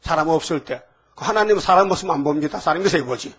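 Speaking fast and animatedly, the older pastor's fairly high, bright voice carries a folksy, teasing sermon. He turns questions back on his flock call-and-response style, frequently adding "응?".

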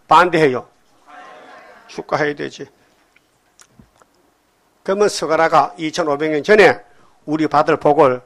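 An older man preaching a sermon to his congregation, rambling from story to story and prodding the listeners with quick questions. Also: a little high, a bit bright. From Gyeongsang Province, Korea. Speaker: pastor.

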